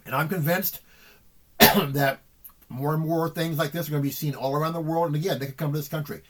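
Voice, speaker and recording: Earnest man with a repetitive, halting delivery. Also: a little high, fairly even intonation. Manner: earnest, repetitive, with frequent restarts. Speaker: vlogger. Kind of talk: emotional monologue to camera.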